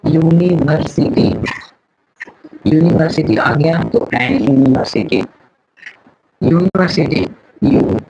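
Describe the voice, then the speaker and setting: In a muffled recording with background noise, a man with a slightly high voice teaches an English grammar lesson. He goes slowly, repeating words and letters aloud and putting questions to the class.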